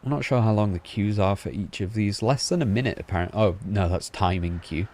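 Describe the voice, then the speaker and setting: A man streaming games, chatting and thinking aloud in a relaxed way. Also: lowish voice, a little fast. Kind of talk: casual reaction livestream.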